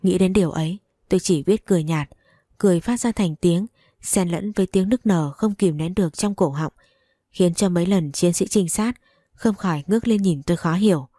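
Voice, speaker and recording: A woman reads a first-person novel aloud with emotional, dramatic storytelling. Her voice is low and mellow. The recording is dry and close. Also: moderate pace, dry recording. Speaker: audiobook reader.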